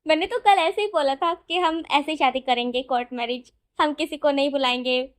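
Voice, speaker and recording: Woman reading as an excitable young groom. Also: high voice, normal speed, natural voice. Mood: excited. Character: cheerful, excitable young man in love.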